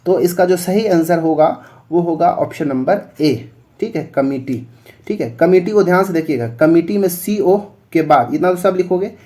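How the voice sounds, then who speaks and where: A man's voice: a little high, dark tone. A male teacher explaining English spellings for exam preparation, spelling words out letter by letter and checking in often.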